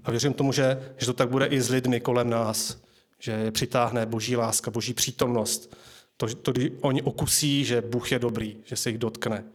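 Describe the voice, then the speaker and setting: A man preaching a sermon, reading scripture aloud in a measured, slow way and then sharing an earnest personal testimony. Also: mid-range voice, steady tone.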